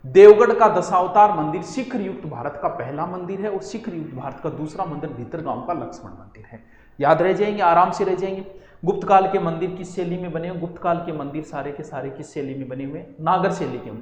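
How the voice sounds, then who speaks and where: A man teaching an exam-prep lecture, animated, asking and answering his own questions. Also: fairly high pitch, fairly quick. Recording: echoey room with long reverb.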